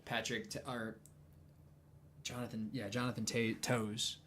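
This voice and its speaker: A young man co-hosting a casual sports podcast, talking in a relaxed, rambling way with fillers. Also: lowish voice, unhurried, slight background noise. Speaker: podcast co-host.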